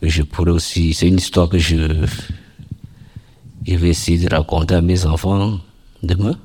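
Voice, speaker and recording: A man's voice: low-pitched, little pitch movement, unhurried, dark tone, slight background noise. A man from Cameroon, giving a formal, earnest personal testimony at a workshop.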